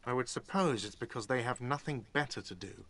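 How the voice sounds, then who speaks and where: An actor playing an irritable, whiny café manager in a video game, impatient and dismissive. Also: male voice, mid-range voice, brisk, a bit bright, slight background noise, lightly acted. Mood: grudging.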